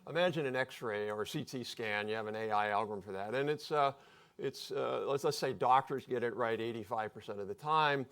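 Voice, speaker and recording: A man's voice: mid-range voice, brisk, a bit bright. A man speaking as a panelist at a live public discussion, explaining points in an offhand, joking way.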